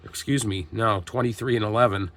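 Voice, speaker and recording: A man with a lowish voice and brisk delivery hosts a tabletop baseball game while getting over a cold. Steady throughout, he narrates the dice game play by play, reading lineups and calling plays like a broadcaster.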